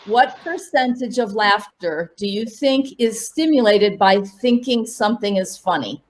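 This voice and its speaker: A woman laughter coach leading an online workshop, upbeat and coaxing, with sudden high cheers. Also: animated, a little slow.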